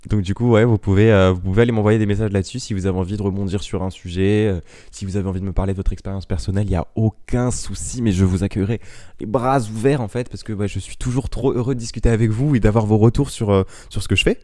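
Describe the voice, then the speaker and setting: Young man, podcast host, low voice, warm and mellow tone, dry close sound, rambling and self-mocking. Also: steady tone, fast talker, no echo. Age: young adult. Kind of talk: casual solo podcast chat. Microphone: ten-year-old microphone.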